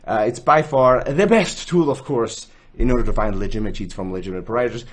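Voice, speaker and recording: Seated in a gaming chair in a small room, a young adult from Switzerland speaks with a Swiss accent in a mid-range voice at a fairly quick pace. As host of a gaming tools channel, he walks through a screen-recorded tutorial in a chatty, self-mocking way, gesturing while he explains.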